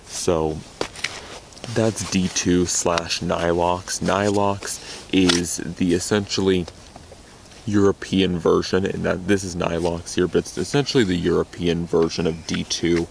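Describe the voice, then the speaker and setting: Deep gravelly young man reviewing knives. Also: little pitch movement, a little slow, noisy background. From United States. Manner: rambling, self-correcting, enthusiastic about gear. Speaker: knife reviewer. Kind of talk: casual gear review. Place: outdoors in snow.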